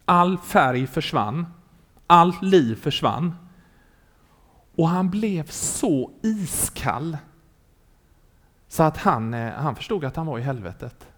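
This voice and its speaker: A man delivers a sermon in an animated storytelling way. His voice swings widely up and down and sits a bit high for a man. He keeps turning to his listeners to ask if they are following. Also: pauses often. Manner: animated storytelling preacher, asks the congregation questions. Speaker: preacher.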